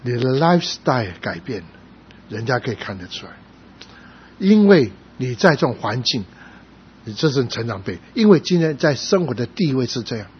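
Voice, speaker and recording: A middle-aged male pastor preaching a sermon, telling stories with sudden loud emphatic rises. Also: medium pitch, big pitch swings, moderate pace, husky. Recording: slightly dull sound with faint noise.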